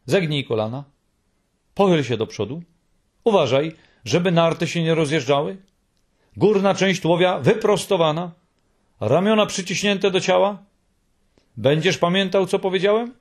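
A man's voice: high-pitched, moderate pace, long pauses, pitched above the performer's own voice. A man voicing a cheerful bossy hemulen. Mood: instructive. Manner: encouraging, instructive. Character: cheerful bossy hemulen creature, eager ski instructor. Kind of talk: storybook reading.

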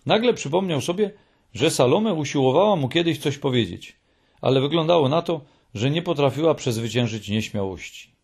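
Husky male storybook narrator. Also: a little high, lively intonation, fairly quick, darkish tone. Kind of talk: audiobook narration.

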